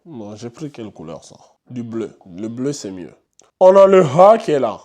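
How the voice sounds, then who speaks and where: A man's voice: mid-range voice, big pitch swings, moderate pace, a little mellow. A man teaching Quran recitation rules to a live class, quizzing his students and repeating the key terms. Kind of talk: live classroom tajwid lesson.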